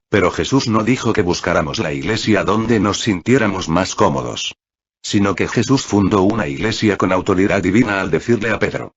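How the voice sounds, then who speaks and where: A man's voice: fairly low pitch, slightly rough. A man preaching an earnest Sunday reflection, exhorting his listeners. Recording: dull lo-fi audio.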